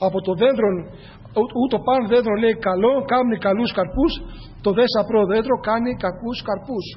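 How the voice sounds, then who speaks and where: Brief: male preacher, high voice, earnest rhetorical sermon, muffled lo-fi recording. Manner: earnest, rhetorical questions, repeats key phrases. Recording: muffled, echoey hall with faint noise.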